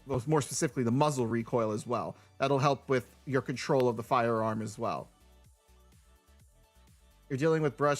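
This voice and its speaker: A man chatting casually on a live stream, rambling with frequent restarts and reading replies to his viewers. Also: mid-range voice. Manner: rambling, restarts often, answers chat.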